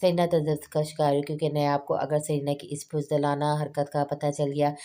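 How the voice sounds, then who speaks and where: Low, dark-voiced woman narrator. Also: little pitch movement. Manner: slow, measured reading. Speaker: novel reader. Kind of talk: audiobook narration of a romance novel.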